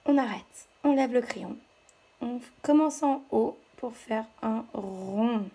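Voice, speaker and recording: A woman with a fairly high, gravelly, warm, and husky voice gives young children a handwriting lesson, instructing them slowly and patiently one step at a time.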